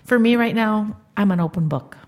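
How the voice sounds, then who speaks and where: A chatty woman co-hosting a podcast, talking in a rambling, upbeat way. Her voice sits at an ordinary middle pitch for a woman. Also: moderate pace, a little mellow. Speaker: podcast co-host. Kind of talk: casual chat.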